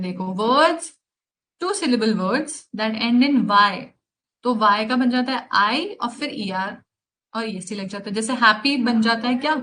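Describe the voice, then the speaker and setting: A woman's voice: mid-range voice, fairly bright tone, a little hiss or hum, low-quality recording. A woman with an Indian accent teaching English grammar in a live online class, explaining in a teasing way. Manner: explains in Hindi mixed with English, slow and teasing.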